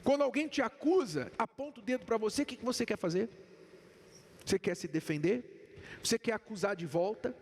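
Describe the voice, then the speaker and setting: A man's voice: sits high, expressive, a little fast, darkish tone. A man giving a church-style talk about relationships, explaining with a live demonstration. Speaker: speaker at a couples' talk. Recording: long hall reverb.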